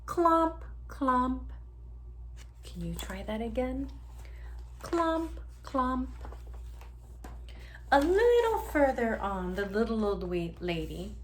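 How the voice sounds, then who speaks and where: Reading a picture book to young children, this teacher uses a slightly high voice and an animated delivery. She elongates the sound words and asks the kids to join along, while some background noise can be heard.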